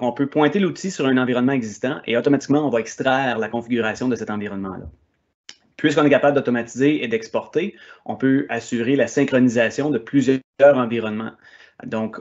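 A man's voice: mid-range voice, lo-fi sound. A man from Quebec with a Québécois French accent, presenting a technical conference session with frequent fillers and restarts. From Quebec, Canada. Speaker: conference speaker.

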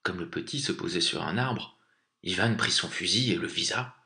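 A man reading a folk tale aloud as a storyteller, with expressive, lively narration. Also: sits low, normal speed, vocal fry.

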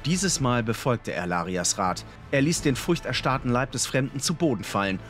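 A man narrating a fantasy audiobook in a dramatic, expressive storytelling manner. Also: medium pitch, moderate pace, faint music behind.

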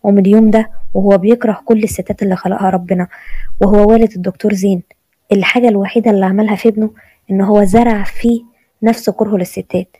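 Rapid egyptian woman storyteller. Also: medium pitch, fairly even intonation, warm tone, breathy edge, no echo. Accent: Egyptian Arabic. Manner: rapid, conversational. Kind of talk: storytelling narration.

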